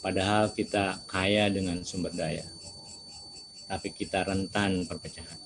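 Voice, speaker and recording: A man's voice: deep voice, level tone, unhurried, noisy background. A man giving a lecture to students, asking rhetorical questions and answering them himself. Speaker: seminar speaker.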